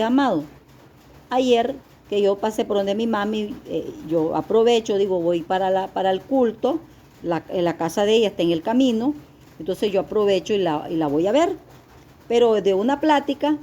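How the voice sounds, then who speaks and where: A woman's voice: medium pitch, expressive, normal speed, warm tone. A middle-aged woman giving an earnest, confessional sermon-style testimony as a lay preacher, speaking to her listeners as beloved.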